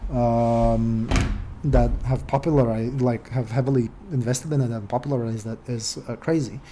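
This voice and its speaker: A man's voice: medium pitch, mellow, a little hiss or hum. Casual young man lecturing with fillers. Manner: casual, many fillers, sarcastic asides. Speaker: debate workshop presenter. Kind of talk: informal lecture.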